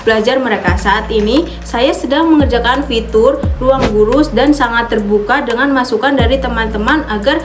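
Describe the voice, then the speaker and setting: A young adult woman introducing herself as a product team manager in a formal, measured way, reading a scripted role-play introduction. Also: on the high side. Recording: echoey room with background music.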